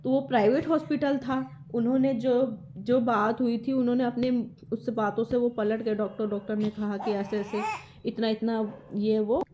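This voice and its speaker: A young woman telling a personal story in a vlog, emotional and halting, often restarting her words. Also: a little high, steady tone, dark tone, muffled recording, slight background noise. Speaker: vlogger.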